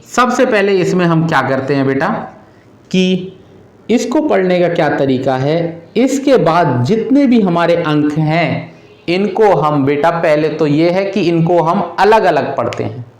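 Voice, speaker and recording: A man's voice: on the high side, animated, unhurried, reverberant. A male teacher who explains a math lesson to children patiently, repeating each step and calling the students "beta".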